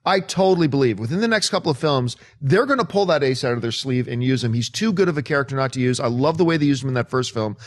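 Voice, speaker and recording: A man's voice: mid-range voice, lively intonation, fast talker, few pauses. A man hosting a movie news chat, explaining a theory earnestly and at length. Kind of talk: casual panel chat.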